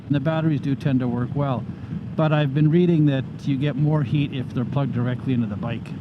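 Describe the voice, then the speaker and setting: A man reviewing gear in a calm, matter-of-fact way as he rides, talking through a motorcycle helmet microphone. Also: medium pitch, fairly quick. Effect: talking through a motorcycle helmet microphone while riding. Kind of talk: casual review narration while riding. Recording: muffled helmet mic with faint road noise. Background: faint traffic and engine sound.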